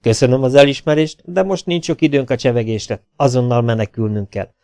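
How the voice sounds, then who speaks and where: A calm, brisk spy hero, quick and matter-of-fact, as a male reader puts him on. His voice is dark and mellow, recorded close and dry. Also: medium pitch, creaky, no room sound, lightly acted. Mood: brisk urgent.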